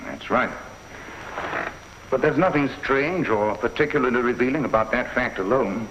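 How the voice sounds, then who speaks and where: Actor doing a calm sharp inspector, dry and probing, faint hiss, dull 50s tv audio. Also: male voice, mid-range voice, lightly acted. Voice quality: measured, dry and quietly probing. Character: calm, shrewd male police inspector. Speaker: police inspector. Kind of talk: 1950s TV crime drama acting. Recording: dull lo-fi 1950s TV soundtrack.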